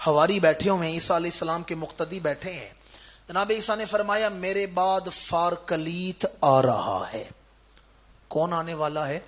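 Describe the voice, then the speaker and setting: A man preaching a sermon to a village gathering, putting questions to his listeners and answering them himself, moving between loud declaiming and quiet explanation. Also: high voice. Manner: orator who quizzes the crowd and answers himself. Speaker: Islamic preacher. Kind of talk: Urdu sermon.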